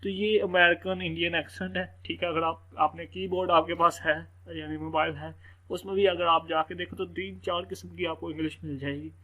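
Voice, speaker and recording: A man's voice: a little high, steady tone, a little fast, narrow, tinny audio. A man teaching an English reading lesson in a loose, casual way, filling his talk with "theek hai". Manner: loose, repetitive, full of "theek hai" fillers. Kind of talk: casual screen-recorded lesson.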